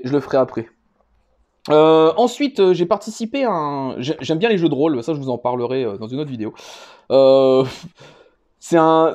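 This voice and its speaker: A man with a higher, darkish voice gives a casual, unscripted show-and-tell of his card collection as a vlogger. He speaks hesitantly, rambles, and often says things more than once.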